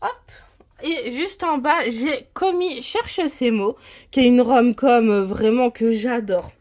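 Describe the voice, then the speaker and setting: A woman's voice: fairly high pitch, slow pace, a little mellow. A woman from France giving a casual, rambling tour of her manga collection, with frequent hesitations.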